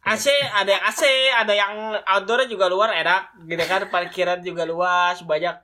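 Bright young Jakarta man bantering in slang. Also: high voice, steady tone, moderate pace. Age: 20s. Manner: bantering, peppered with tag questions. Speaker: podcast co-host. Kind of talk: casual chat in Jakarta slang.

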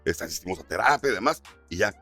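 A man's voice: low voice, lively intonation, fast, sharp tone, husky, soft background music. A man who works as a radio announcer, telling stories in casual podcast chat full of slang. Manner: storytelling, peppered with slang.

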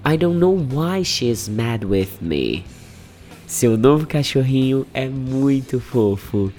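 A hoarse man from Brazil teaching English, drilling phrases with energetic, quick patter. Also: medium pitch. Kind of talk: language lesson drills.

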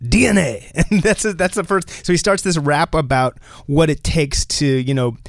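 Animated man hosting a podcast, dry studio sound. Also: a little high, moderate pace, no echo. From New Jersey. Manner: animated, laughs often, restarts mid-sentence. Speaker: podcast host. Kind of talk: casual chat.

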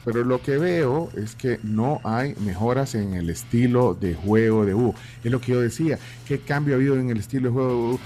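A man's voice: mid-range voice, a little fast, hardly any pauses, dark tone, soft background music. A man hosting casual sports banter and reading out messages. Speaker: radio show host.

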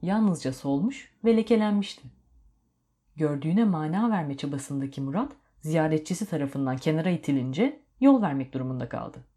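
Woman reading a story out, low voice, steady and measured. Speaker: narrator. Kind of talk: storybook narration.

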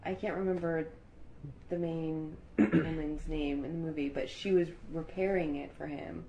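A woman's voice: low-pitched, steady tone, normal speed, dark tone, muffled recording, a little hiss or hum. A woman co-hosting a podcast in casual chat, amused and explaining things. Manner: amused, explains, reads aloud. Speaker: podcast co-host.

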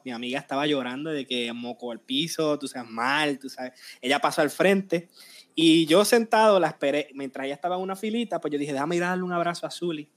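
A Puerto Rican man in his late twenties, a singer telling his story in a casual interview, animated and acting out quotes. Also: a little high. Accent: Puerto Rican Spanish. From Puerto Rico. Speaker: guest singer.

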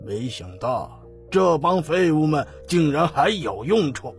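A man's voice: on the high side, very animated, measured pace, faint music behind. A man playing a scheming, domineering older family patriarch in an audiobook drama, with a commanding, dismissive way of talking. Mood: scornful.

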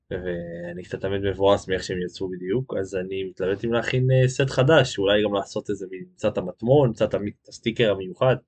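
A young man chatting casually on a live stream, rambling with lots of fillers and restarts as he reads out viewer comments. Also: lowish voice. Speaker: page admin hosting a live stream.

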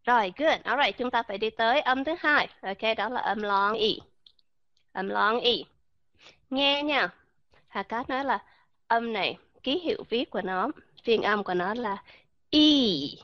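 A woman runs a pronunciation lesson in a fairly high voice, modelling each vowel and putting questions to her listeners. The recording is dry and close, with a slightly dull, muffled sound. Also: fairly bright tone, no echo. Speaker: English pronunciation teacher.

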